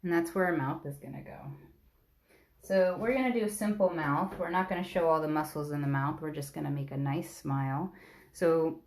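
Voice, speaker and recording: Low gravelly-voiced woman art teacher. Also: moderate pace, darkish tone. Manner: patient step-by-step instruction. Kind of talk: live-streamed drawing lesson.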